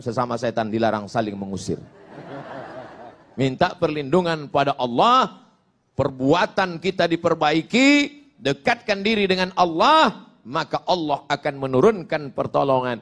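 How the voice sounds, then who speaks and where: A bright, high-sitting male voice leads this comic Islamic sermon. The middle-aged Indonesian preacher acts out little conversations, tells playful stories, and breaks into chanted Arabic verses.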